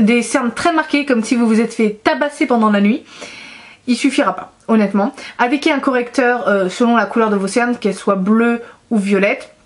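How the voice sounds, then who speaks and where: Chatty young woman reviewing beauty products. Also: fairly high pitch. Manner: chatty and enthusiastic, many fillers. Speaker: beauty vlogger.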